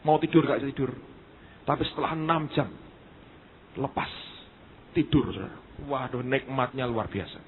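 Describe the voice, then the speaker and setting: A male pastor preaching in a storytelling sermon, talking conversationally, speaking straight to his listeners with dramatic pauses. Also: medium pitch, a little hiss or hum. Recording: tinny phone-like lo-fi recording.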